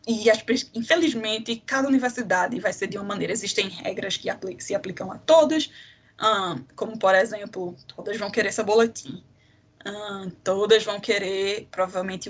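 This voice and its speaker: Young brazilian woman, kinda husky, chatty, drops english words in while giving tips. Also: mid-range voice. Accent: Brazilian Portuguese, from Recife. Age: 20s. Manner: chatty, restarts sentences, mixes in English terms. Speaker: interview guest, doctoral student. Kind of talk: casual advice in an interview.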